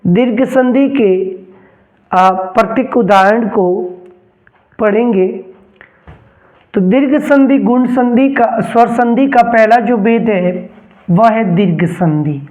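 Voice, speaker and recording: A man's voice: extremely high pitch, slow pace, long pauses, a little mellow, rough recording. A man teaching a grammar lesson, repeating each term and asking and answering his own questions.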